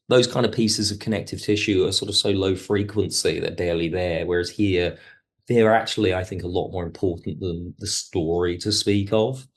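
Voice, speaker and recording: A man with a low-pitched, darkish voice appears as a podcast guest and talks casually about his work writing audio dramas. He thinks aloud in broken phrases as he explains his creative process.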